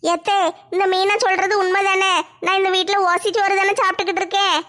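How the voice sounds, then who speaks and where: A woman voicing a meek, put-upon young daughter-in-law in a comedy skit, slower and plaintive. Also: extremely high pitch, little pitch movement, a bit bright. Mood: defensive.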